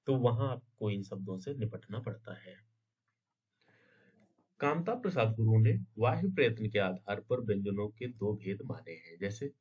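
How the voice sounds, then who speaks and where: A man's voice: mid-range voice, a little mellow. A man teaching an exam-prep grammar lesson, asking himself questions and answering them, often checking in with his students. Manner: checks in with "है ना?" and "समझे?". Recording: dull lo-fi sound.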